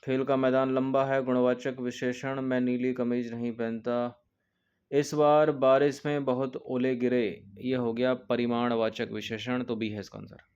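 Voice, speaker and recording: A man's voice: mid-range voice, little pitch movement, unhurried, darkish tone, clean tone, muffled recording. A male coaching teacher walking through an exam test paper, explaining each answer step by step and repeating key points. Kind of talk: test-paper walkthrough lesson.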